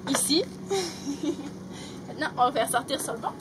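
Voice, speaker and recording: Young woman, high-pitched, easygoing tour talk with lots of fillers, heavy wind noise outdoors on a boat. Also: normal speed, recorded from a distance. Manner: relaxed, many "euh" fillers, light laughs. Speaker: sailboat owner giving a tour. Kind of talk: casual video tour. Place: sailboat cabin, then open deck outdoors. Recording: loud wind and water noise.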